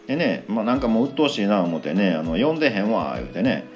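Deep-voiced Kansai man chatting. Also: big pitch swings, quick pace, darkish tone, soft background music. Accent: Kansai Japanese. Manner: chatty, rambling, many fillers. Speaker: podcast host. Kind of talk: casual solo chat.

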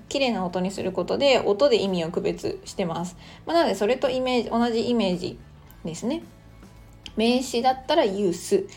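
A woman hosting a casual podcast lesson, explaining English phrases in a chatty way and reading example sentences slowly and carefully. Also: medium pitch, darkish tone. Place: Australia.

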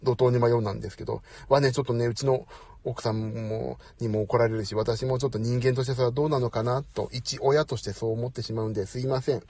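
A man's voice: mid-range voice, a little mellow, slightly rough, no echo. A middle-aged man hosting a casual live audio chat, talkative, apologetic and self-deprecating, speaking into a phone. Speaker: host. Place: parked outside, away from home.

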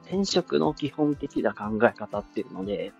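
Young Kansai man with booming echo. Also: lively intonation, normal speed, gravelly, lo-fi sound, faint music behind. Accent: Kansai Japanese. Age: 20s. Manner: rambling, filler-heavy, chatty. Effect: strong booming echo of a resonant outdoor spot. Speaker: podcast host. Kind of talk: casual solo talk. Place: outdoors, with passing motorbikes and cars.

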